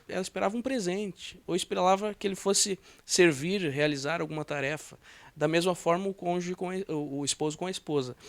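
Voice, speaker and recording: A Brazilian guest pastor explains his points earnestly on a church TV program. His voice is gravelly and a little high, and it is recorded close and dry. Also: no echo. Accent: Brazilian Portuguese. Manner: earnest, explanatory, a few stumbles. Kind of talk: church TV interview.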